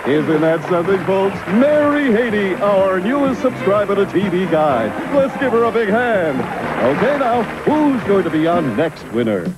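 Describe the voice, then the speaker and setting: A man's voice: high voice, big pitch swings, normal speed, poor audio. An actor playing a chipper, eager TV game show host in a commercial, exclaiming like a showman. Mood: upbeat showmanship. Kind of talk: game show announcer parody ad read. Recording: music bed behind the voice.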